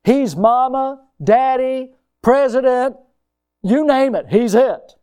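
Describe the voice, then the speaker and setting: A man preaching a sermon, emphatic and rising to loud peaks. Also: very high-pitched, slow, clean tone.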